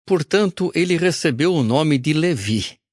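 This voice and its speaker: Male narrator, Bible audio reading, measured and solemn, lively pitch, dry close sound. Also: no echo.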